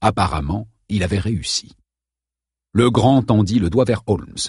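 A man reading a novel aloud as an audiobook narrator, in a steady, measured way. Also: lowish voice, breathy edge, dry recording, studio quality.

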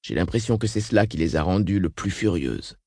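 A man reading the part of a frail, weakened old woman who speaks flatly and stays unshaken. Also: low-pitched, fairly quick, breathy edge, dry recording, studio quality, pitched below the performer's own voice, full character voice. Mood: grim. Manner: flat, unshaken. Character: frail elderly sister, weakened and coughing.

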